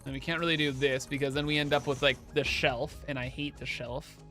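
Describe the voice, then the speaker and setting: A man's voice: medium pitch, little pitch movement, a little fast, pushed and bright, soft background music. A young man livestreaming over a headset mic, thinking aloud in a casual, chatty way while he builds in a game.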